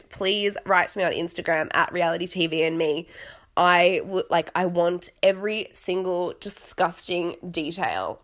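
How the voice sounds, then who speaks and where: Dramatic, gossipy woman podcaster. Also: lowish voice. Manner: rambling, gossipy, self-deprecating; dramatic, exclamatory. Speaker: podcast host. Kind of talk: casual chatty reality TV recap.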